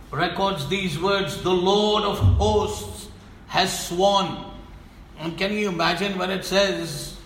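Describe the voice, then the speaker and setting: A male preacher delivers a sermon at a slow, deliberate pace, stern and emphatic, sinking low to hammer a point home. His voice sits a little high for a man, with a gravelly edge. The recording is roomy and echoey, with faint ambience behind him. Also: fairly bright tone, slight background noise.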